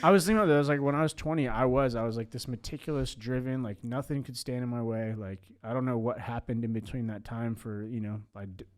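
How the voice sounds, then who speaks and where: A man's voice: medium pitch, fast talker, hardly any pauses, darkish tone. A man in his late twenties in a casual podcast chat. He rambles, full of "like" and restarts. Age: 20s.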